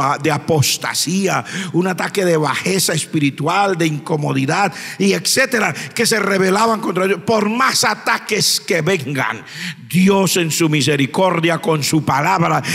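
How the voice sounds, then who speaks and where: Colombian Spanish-accented male pastor, fervent sermon, high ringing voice, long church reverb. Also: husky. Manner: swings from quiet reading to shouted, high-pitched preaching. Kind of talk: Pentecostal sermon. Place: church sanctuary.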